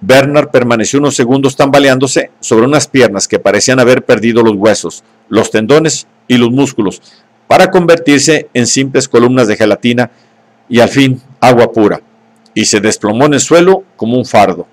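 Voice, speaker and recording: Male audiobook narrator, steady and measured, mid pitch. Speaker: audiobook reader.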